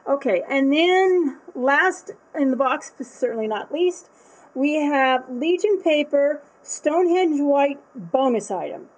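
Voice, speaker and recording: A woman's voice: high-pitched, lively intonation, takes it slowly, darkish tone, low-quality recording. A woman casually chatting through an art supply unboxing, thinking aloud with lots of fillers and restarts.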